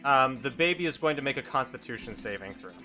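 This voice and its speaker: A man's voice: mid-range voice, lively intonation, quick pace, pushed and bright, faint music behind. A man improvising narration as game master of a tabletop role-playing game.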